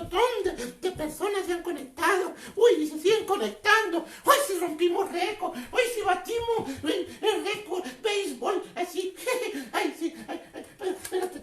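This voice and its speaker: A woman doing an excitable, giggling children's clown voice that sits extremely high. She squeals and chatters to the kids watching a live stream. The sound carries a roomy echo.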